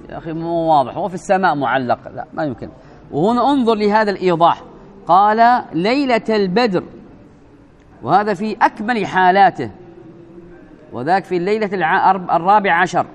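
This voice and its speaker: A man giving a religious lesson, speaking deliberately, repeating words, spelling out pronunciations and asking the listeners rhetorical questions. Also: high voice. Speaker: religious teacher. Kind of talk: religious lesson explaining a hadith.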